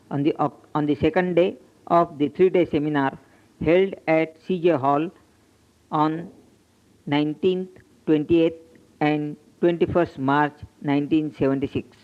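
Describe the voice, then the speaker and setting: A man giving a measured, formal spoken introduction to a talk, heard as an old tape recording. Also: fairly high pitch, steady tone. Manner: measured, formal, stumbles over a date. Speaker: announcer. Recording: tinny lo-fi old tape from a distance.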